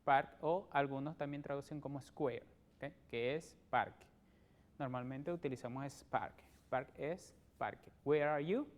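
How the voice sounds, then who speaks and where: A man with a Venezuelan Spanish accent teaching English on a televised lesson, patient, repeating words slowly and checking understanding often. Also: a little high, a little mellow. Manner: slow, careful English pronunciation drills.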